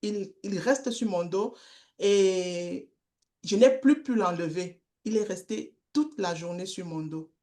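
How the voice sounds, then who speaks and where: A middle-aged woman giving a testimony, telling a story in a slow, halting way with repeated words. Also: medium pitch, mellow. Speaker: guest speaker, street-children worker.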